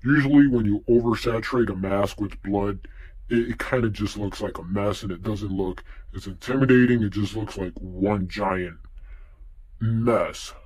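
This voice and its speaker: A young man reviewing a mask in a casual vlog, talking through a face mask, relaxed and rambling with lots of fillers. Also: on the low side, normal speed, husky.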